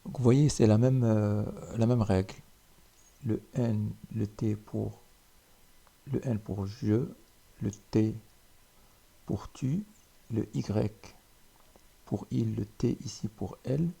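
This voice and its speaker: A man teaching a spoken language lesson, repeating each word slowly with pauses. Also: fairly low pitch, steady tone, gravelly, warm tone, husky.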